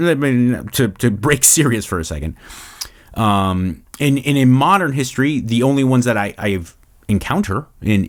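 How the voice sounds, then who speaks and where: A middle-aged man from Los Angeles, hosting a casual Q&A show, rambling and swearing freely. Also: mid-range voice. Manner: rambling, profane, lots of restarts. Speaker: podcast host. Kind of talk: casual Q&A monologue.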